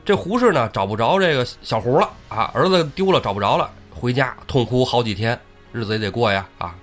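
A man's voice: medium pitch, brisk, soft background music. A man hosting a podcast, telling an old tale casually and chattily, often checking for agreement. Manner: animated, chatty, asks listener for agreement. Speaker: podcast storyteller host. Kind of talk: casual storytelling.

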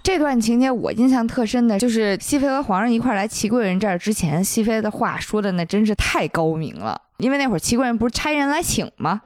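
A woman's voice: on the high side, animated, fast, hardly any pauses, darkish tone, no echo, studio quality. A woman guest on a podcast chatting casually and expressively about a TV drama, often breaking into laughter as she gushes over scenes. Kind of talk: casual chat.

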